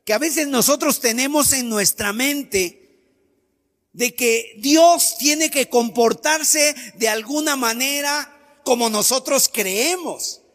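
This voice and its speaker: A man's voice: very high-pitched, takes it slowly, a bit bright, long reverb tail. A man preaching a sermon, emphatic, asking many rhetorical questions and acting out the voices he quotes.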